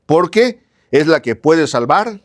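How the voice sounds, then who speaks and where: Pitched on the high side, this man's voice swings widely in pitch and moves slowly. Preaching a sermon, he asks questions he then answers, repeats phrases in lists, and addresses his listeners directly.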